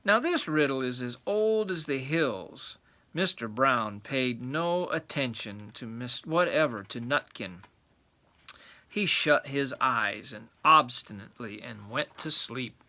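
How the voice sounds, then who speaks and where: A man's voice: mid-range voice, lively intonation, slow pace, pushed and bright. A man narrating a children's storybook aloud in a grandfatherly storytelling manner.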